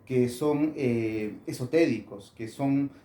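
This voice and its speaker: A man's voice: mid-range voice, slow pace, mellow, reverberant. A man, an author answering interview questions in a thoughtful way with many fillers and restarts.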